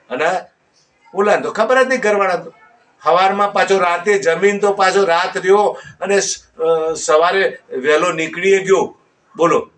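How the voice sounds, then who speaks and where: A man's voice: a little high, a bit bright. A man telling a rambling folk story and closing with a moral, repeating his phrases. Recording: distant mic with faint background noise.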